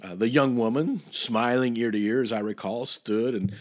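A man's voice: medium pitch, moderate pace, a little mellow. Folksy male preacher telling a story. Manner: folksy, chuckling, frequent restarts. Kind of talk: storytelling sermon.

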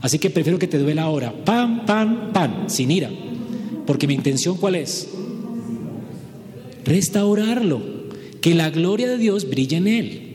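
A man's voice: on the high side, expressive, a little slow, long pauses, darkish tone. A man preaching a sermon, asking rhetorical questions and acting out short quotes. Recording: long hall reverb.

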